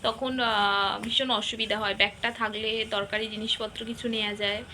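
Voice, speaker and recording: A woman's voice: medium pitch, level tone, a little fast, a little hiss or hum. A young woman, chatting casually and rambling through her day in a home vlog, full of fillers. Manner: talks softly while others sleep. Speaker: vlogger. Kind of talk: casual daily-life vlog chat.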